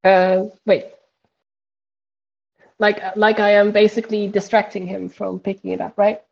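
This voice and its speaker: A woman player in a tabletop session talks things through casually, with frequent pauses and fillers. Her voice has a gravelly, creaky edge, and the recording sounds dull and lo-fi. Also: medium pitch, flat delivery. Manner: hesitant, lots of fillers. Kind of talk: casual chat while playing.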